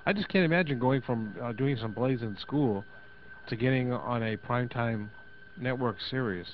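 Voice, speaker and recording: A man's voice: mid-range voice, normal speed. A man hosting a casual radio interview, friendly and joking, asking short questions. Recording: dull lo-fi radio audio with faint hiss.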